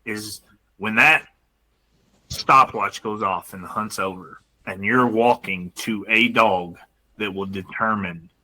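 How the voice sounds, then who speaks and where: A man co-hosting a casual podcast, telling a story in an animated way with laughter. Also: on the low side, slow pace, rough recording. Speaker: podcast co-host.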